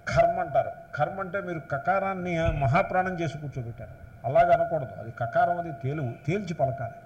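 A man's voice: on the high side, brisk, darkish tone. A man giving a discourse on scripture as a spiritual teacher, explaining points patiently and stressing syllables to show how to recite them. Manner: explanatory, mixes English phrases, stresses syllables while demonstrating recitation. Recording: dull lo-fi lecture recording with faint hiss.

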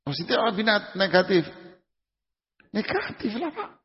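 A man's voice: high voice, sing-song, normal speed. A man giving a conversational religious lecture as a preacher, putting questions to the audience and answering them himself with everyday examples. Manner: uses everyday examples in casual speech. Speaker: Islamic preacher. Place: lecture hall. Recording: dull lo-fi recording in a reverberant hall.

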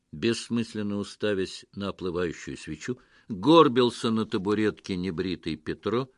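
A man narrating a story in an expressive scripted reading. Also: fairly low pitch, dry recording, studio quality. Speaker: audiobook narrator.

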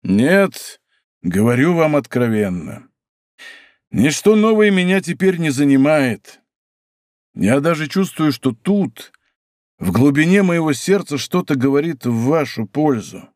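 A man's voice: on the high side, darkish tone, no echo, clean studio sound. A man voicing a boastful, good-natured musketeer who talks grandly and plays melancholy.

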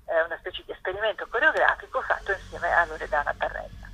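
A festival curator, guest on an interview, talks through an event programme in a casual, hesitant way, hunting for words as she goes. Her fairly low voice swings widely in pitch and comes fast, bright and forceful with a slight roughness. The line sounds dull and lo-fi, like a telephone.

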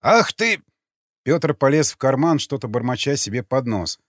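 A man giving an expressive, measured dramatic audiobook narration. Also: mid-range voice, no echo. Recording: dry close mic, faint music.

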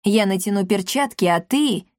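A woman's voice: medium pitch, lively intonation, normal speed, darkish tone, no echo, clean studio sound, lightly acted. Woman reading as a matter-of-fact boy. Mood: practical. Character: practical young boy leader.

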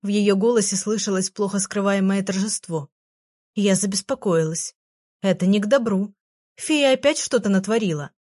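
A woman reading a first-person children's story aloud, gentle and expressive. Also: medium pitch, moderate pace, dry recording, clean studio sound. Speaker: audiobook reader.

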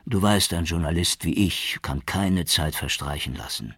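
A man's voice: low-pitched, moderate pace, gravelly, a bit bright, husky, no echo, studio quality, full character voice. A man voicing an enthusiastic, talkative Italian male journalist in an audiobook. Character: cheerful Italian male journalist, eager and warm.

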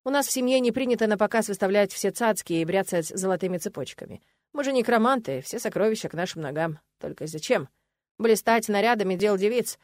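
A woman's voice: medium pitch, expressive, fast talker, a little mellow, no echo, clean studio sound, close to an everyday voice. A woman voicing a laconic young necromancer. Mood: calm. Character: laconic young male necromancer, calm and reserved.

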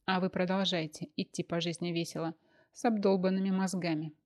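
A woman reading an audiobook voices a young man who speaks calmly but cuttingly and with contempt. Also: lowish voice, a little fast, lightly acted. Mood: scornful. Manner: calm, cutting, scornful.

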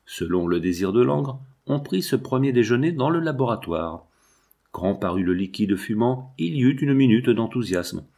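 A man narrating a novel aloud as an audiobook reader, in a measured, even way. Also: medium pitch, creaky.

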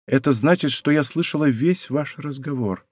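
A hushed composed princess, read by a man. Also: a little high, breathy edge, no echo, studio quality. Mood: quiet, composed. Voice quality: soft, hushed. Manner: calm, deliberate and quietly firm. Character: proud young princess, cool and composed. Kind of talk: audiobook character voice.

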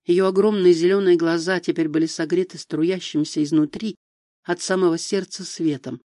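A man reading an audiobook in a steady, expressive narration. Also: high-pitched, moderate pace, no echo, clean studio sound. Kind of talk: scripted narration.

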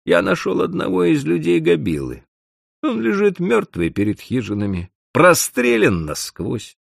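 A male narrator voicing a grim trading agent who speaks gruffly and tersely. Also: on the high side, wildly swooping pitch, unhurried, no room sound, studio quality, pitched above the performer's own voice, heavily acted.

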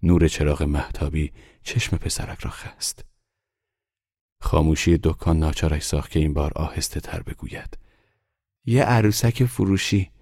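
A man reading a literary short story aloud in slow, measured audiobook narration. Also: very deep voice, level tone, darkish tone, no room sound, studio quality.

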